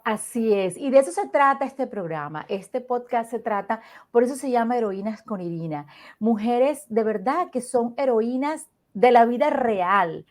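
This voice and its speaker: A woman's voice: on the high side, animated, unhurried, a little mellow. A woman hosting a podcast interview, effusive and repeating her words for emphasis. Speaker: podcast host and advocate for abuse survivors.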